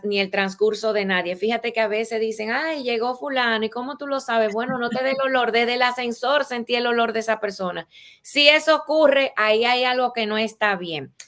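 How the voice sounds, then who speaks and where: With a fairly bright, slightly high voice, a Latin American Spanish-accented woman serves as an expert interview guest. Her explanations of rules are didactic and grounded in practical examples.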